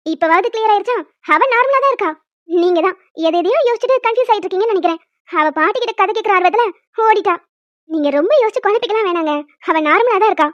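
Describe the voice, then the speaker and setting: A woman voicing a calm young wife and mother who soothes her husband with light amusement in a cartoon. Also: extremely high pitch, rapid-fire, no echo. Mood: soothing. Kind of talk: cartoon voice acting. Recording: dull lo-fi dry recording.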